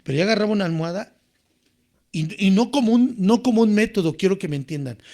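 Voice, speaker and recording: A man preaching a sermon in an animated way, rising to near shouts when he quotes people crying out. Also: high-pitched, quick pace. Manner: animated, rises to shouting when quoting cries.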